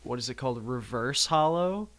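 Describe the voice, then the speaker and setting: A man's voice: mid-range voice, expressive, moderate pace, fairly bright tone. A man in casual chat, telling stories in a rambling way with lots of fillers. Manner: rambling storyteller with many fillers.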